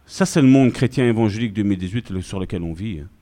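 A male pastor giving an animated, conversational sermon full of asides to the congregation. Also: fairly low pitch, fast.

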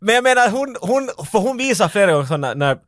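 Lively man in dry casual chat. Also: high voice, no echo. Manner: animated, acts out scenes while retelling them. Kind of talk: casual chat about a film.

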